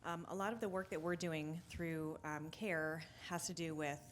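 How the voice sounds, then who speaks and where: A woman's voice: deep voice, steady tone, normal speed, slight background noise. A woman from the audience asking a question, hesitant, with many ums. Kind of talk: question from the floor.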